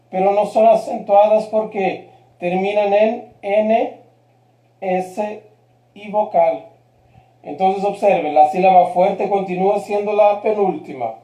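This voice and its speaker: A man's voice: sits high, mellow, reverberant. A man teaching a live grammar lesson, patient and checking in often with his class. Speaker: Spanish teacher.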